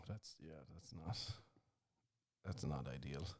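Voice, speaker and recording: Slow-talking, laughing podcast host man. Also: very deep voice, a little mellow. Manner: laughs often, swears freely, reads tweets aloud. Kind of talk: casual comedic chat.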